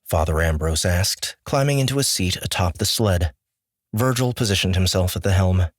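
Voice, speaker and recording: A man narrating an audiobook with measured, steady storytelling. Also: deep voice, dry recording, studio quality. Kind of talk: scripted narration.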